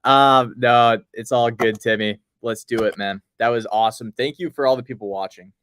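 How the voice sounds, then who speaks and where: A man's voice: medium pitch, fairly even intonation, normal speed, fairly bright tone, clear, resonant tone, dry recording, studio quality. A man from Boston with a light Boston accent, co-hosting a casual show in a laid-back, rambling way. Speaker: co-host. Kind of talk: casual podcast chat.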